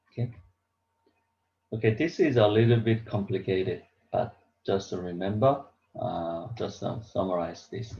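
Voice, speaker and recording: A man teaches a beginner pronunciation lesson in halting, repetitive, simple English. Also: lowish voice, warm tone. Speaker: Korean language teacher. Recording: roomy echo, dull lo-fi sound.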